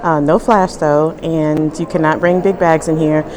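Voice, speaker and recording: A woman's voice: deep voice, steady tone, unhurried, crowd noise. A woman vlogging while travelling, chatting casually to a handheld camera as she walks through busy public places. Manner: chatty, upbeat commentary while walking. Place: outdoors and in public transport, on the move.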